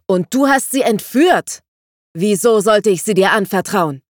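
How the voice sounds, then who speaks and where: A woman's voice: mid-range voice, lively intonation, a little slow, no room sound, studio quality, voice pushed up. A woman doing a furious winged father. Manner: angry, shouting. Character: furious winged father protecting his child.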